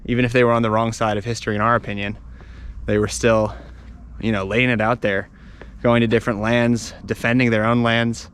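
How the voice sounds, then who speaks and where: A fairly quick, slightly bright mid-range male voice with little pitch movement comes through over slight background noise. He's vlogging his travels while walking outdoors, talking informally and unscripted as he explores.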